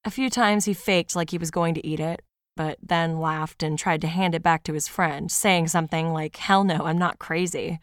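Her low, steady voice moves at a normal pace and is only lightly acted, captured in a clean studio without echo. In this scripted audio drama monologue, she plays a podcast host sharing a fan's confessional horror-comedy email with casual, wry, sweary storytelling.

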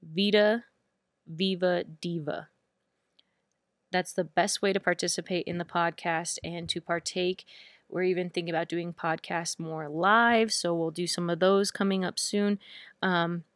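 A woman hosting a sports podcast, her voice sitting fairly low. She talks in a lively, incredulous way and often restarts words mid-sentence. The sound is dry and close. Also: no echo. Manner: animated, laughs in disbelief, restarts words. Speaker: podcast host. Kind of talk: sports podcast talk with read ads.

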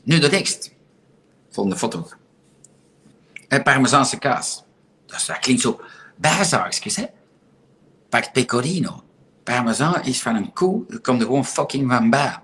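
A Flemish man talks to his viewers in a casual livestream, blunt and sarcastic. His delivery is animated, swinging from quiet asides to loud, teasing rhetorical questions. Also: mid-range voice. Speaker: livestream host.

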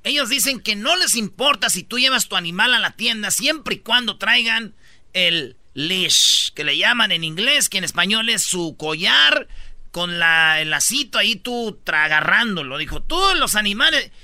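A man's voice: sits high, moderate pace, no echo. A man hosting a comedy radio show, telling stories in a slangy, joking way. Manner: slangy, joking, animated storytelling. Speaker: radio host. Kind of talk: comedic radio news banter.

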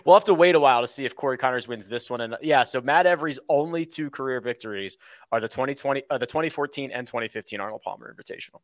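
A man's voice: medium pitch, very fast, no echo, clean studio sound. A man hosting a golf podcast, giving casual, conversational golf commentary and thinking aloud as he goes.

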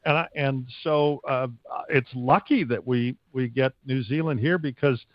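A man's voice: mid-range voice, a little slow, dry recording, lo-fi sound. A man from the United States who works as a stadium announcer, answering interview questions casually and wordily, with stops and starts.

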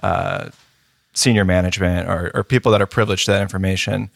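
Very deep, gravelly podcast host. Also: male voice, steady tone, no echo, studio quality. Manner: measured, hesitant questions with fillers. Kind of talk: interview questions.

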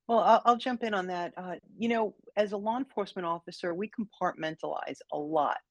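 A woman's voice: fairly low pitch, brisk, no echo, dull audio. A woman, a former law enforcement officer, answering firmly and directly. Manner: firm and direct. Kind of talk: interview answer.

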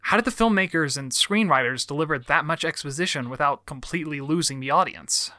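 A man reading scripted, analytical video essay narration in an articulate way, with measured emphasis. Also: fairly high pitch, bright, forceful tone, dry recording, studio quality.

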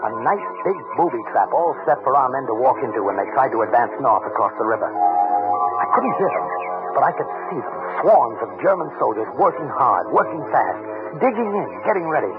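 Actor as steady American spy, tinny old radio. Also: male voice, medium pitch, a little fast, natural voice. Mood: tense, matter-of-fact. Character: American wartime secret agent, steady, plain-spoken, recounting his mission. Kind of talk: old-time radio drama, hard-boiled first-person narration. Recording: narrow tinny vintage radio, loud music.

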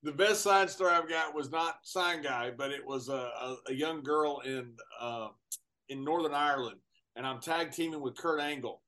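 A man guest telling a lively story in casual chat, often laughing as he talks. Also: fairly high pitch, normal speed. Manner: lively anecdote teller, laughs through stories. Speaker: former wrestler guest.

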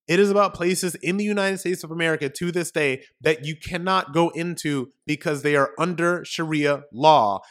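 A man's voice: a little high, fairly bright tone. Emphatic ranting male podcast host. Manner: rhetorical questions. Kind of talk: political commentary monologue.

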